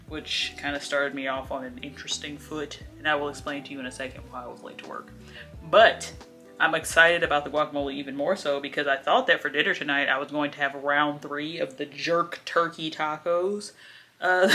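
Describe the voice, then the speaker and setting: A woman's voice: low-pitched, bright, forceful tone. Chatty young woman vlogging at home. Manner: chatty, laughs often, drops to whispers. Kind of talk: casual chatty vlog. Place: her home, indoors.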